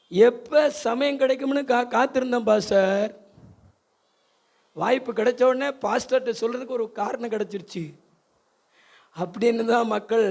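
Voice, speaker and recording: A man's voice: very high voice, vocal fry, darkish tone. A male pastor preaching a sermon, asking the congregation rhetorical questions.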